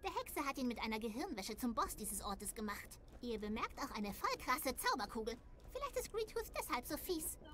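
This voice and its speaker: High, lively teen game master. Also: female voice, normal speed. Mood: theatrical, excited. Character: excitable slangy teenage girl narrating a fantasy game. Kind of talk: dramatic game-master narration. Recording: loud game noise behind.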